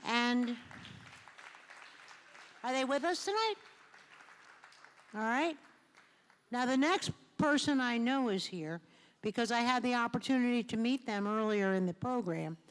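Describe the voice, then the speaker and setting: A woman's voice: fairly high pitch, lively intonation, unhurried, pauses often, a faint crowd. A woman hosting an awards ceremony, announcing the winners in an easygoing way. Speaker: awards host. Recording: long reverb in a hall.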